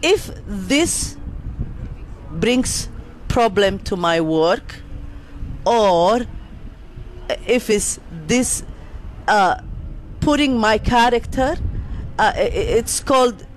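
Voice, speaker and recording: Middle-aged woman guest, unhurried, lively pitch, halting. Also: a little hiss or hum, low-quality recording. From Somalia. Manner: halting, searching for words. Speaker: guest, immigrant advocate. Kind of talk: radio talk show discussion.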